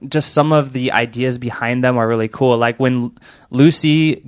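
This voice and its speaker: A man's voice: mid-range voice, fairly even intonation, normal speed, clear, resonant tone, dry recording, studio quality. Rambling man chatting on a podcast. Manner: rambling, lots of filler words. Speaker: podcast co-host. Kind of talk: casual chat.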